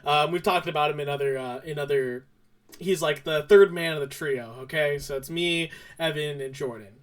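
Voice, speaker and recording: Young guy podcast cohost, kinda high voice, rambles a lot with lots of um and like. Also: moderate pace. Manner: rambling storytelling full of fillers and self-corrections. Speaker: podcast co-host. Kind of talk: casual chat.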